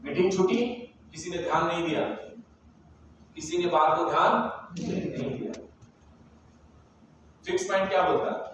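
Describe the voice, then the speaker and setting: A high-pitched man trains a seminar crowd with emphatic, rapid questions. His voice is far from the mic and rings around a very echoey hall, with a faint noise floor behind it. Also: fairly even intonation, fairly bright tone. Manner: emphatic, keeps firing questions at the audience. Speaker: motivational sales trainer. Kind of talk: interactive training seminar talk.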